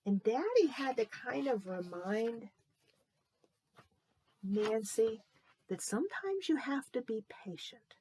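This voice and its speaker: A woman telling a children's Bible story in an animated way, often stopping to ask the young listeners questions. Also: on the high side, slow pace, pauses often, husky.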